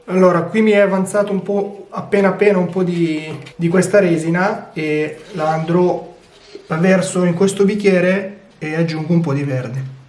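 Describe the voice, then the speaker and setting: A man with a fairly high-pitched voice hosts a craft tutorial. He talks casually through each step as he works, in an informal hands-on style. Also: fairly even intonation, moderate pace, a little mellow, roomy sound. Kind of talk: casual hands-on DIY commentary.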